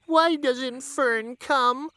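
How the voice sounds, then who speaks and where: A man voicing a frightened young piglet in a storybook reading, very high and slow. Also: pushed and bright, no room sound, full character voice. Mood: despairing.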